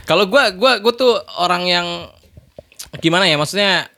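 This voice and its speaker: A man's voice: sits high, expressive, moderate pace, vocal fry, bright, forceful tone. A man chatting as a podcast guest, joking and interjecting often. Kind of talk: casual podcast chat.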